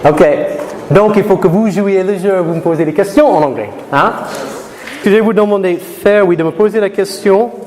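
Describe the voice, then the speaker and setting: High-voiced lecturer in a reverberant hall. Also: male voice. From Florida. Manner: lively, switches to slow deliberate English for learners. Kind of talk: classroom talk to students. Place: lecture room. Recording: reverberant hall with faint noise.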